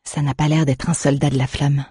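Young heroine, steady and composed, husky low-key voice, read by a narrator. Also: fairly quick, no echo, clean studio sound. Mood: calm. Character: calm resolute young girl, druid's daughter.

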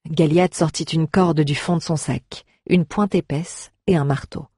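A narrator reads a fantasy tale in an even, measured manner at a mid pitch. The voice is husky and breathy, captured close on a dry, dead mic. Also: no room sound. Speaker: audiobook narrator. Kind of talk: scripted narration.

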